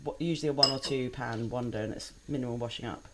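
A woman's voice: extremely low pitch, steady tone, quick pace, heavy background noise. A young woman from Hong Kong chatting casually while she cooks, laughing often. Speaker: home cook guest. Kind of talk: casual chat while cooking.

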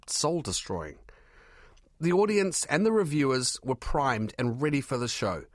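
A man's voice: medium pitch, no room sound, clean studio sound. A man hosting and narrating a podcast in a wry, scripted style. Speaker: host and narrator.

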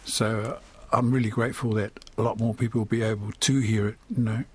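This older Kiwi man gives reflective personal interview talk, plainspoken and casual, peppered with "you know" and "eh." He speaks a little fast in a fairly low voice with little pitch movement and a breathy edge.

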